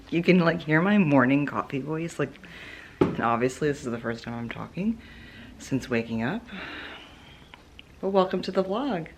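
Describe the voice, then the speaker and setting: A woman's voice: sits low, lively intonation, normal speed, long pauses, very noisy. A woman vlogging casually from home, chatty and laughing often, with plenty of "like" fillers. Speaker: lifestyle vlogger. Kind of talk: casual chat to camera. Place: at home, indoors.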